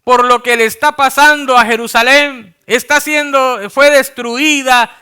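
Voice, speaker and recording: A preacher voicing a grieving rabbi. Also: male voice, very high-pitched, fairly even intonation, measured pace, bright, forceful tone, clean tone, heavily acted. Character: grieving male rabbi mourning a destroyed city.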